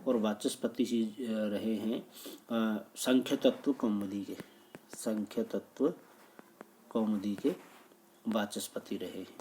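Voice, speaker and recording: A man's voice: on the low side, steady tone, takes it slowly, dark tone, slight background noise. A man teaching as he works through exam questions, reading each one, restating it and explaining the answer. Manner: reads a question, then repeats and explains it.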